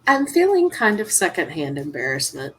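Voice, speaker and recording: A woman's voice: low voice, huge pitch swings, moderate pace, a bit bright, breathy edge, rough recording. A woman joining a movie reaction over a video call, making dry, mocking remarks. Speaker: co-host guest.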